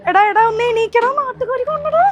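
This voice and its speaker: An actress playing a feisty, quick-tempered young woman who fires back indignant retorts in a short drama, with music behind. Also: mid-range voice, lightly acted. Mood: angry. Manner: sharp-tongued, indignant retorts. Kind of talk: Malayalam short drama acting. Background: background music.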